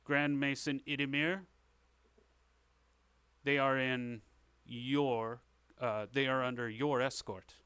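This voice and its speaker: A man's voice: medium pitch, fairly even intonation, slow pace, long pauses, fairly bright tone, clean tone, dry recording. A man voicing a stately king who speaks in a solemn, ceremonial way in a tabletop game. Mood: regal.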